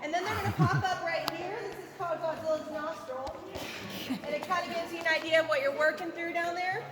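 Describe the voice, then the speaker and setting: A woman's voice: very high-pitched, steady tone, fairly quick. A woman working as a tour guide, giving jokey, folksy commentary to a group in an echoing cave. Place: inside a large underground cavern. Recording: echoey cave reverb, music behind.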